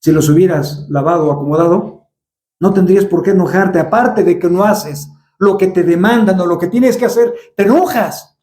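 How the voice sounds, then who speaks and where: A man's voice: sits high, moderate pace, mellow, roomy sound. A man preaching a sermon, firing rhetorical questions and acting out everyday dialogue. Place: church hall.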